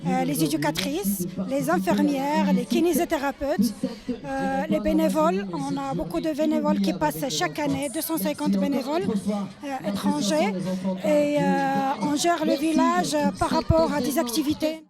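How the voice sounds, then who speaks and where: A woman director explaining in an interview, listing things with hesitant pauses. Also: sits high. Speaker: orphanage director being interviewed. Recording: very loud music behind.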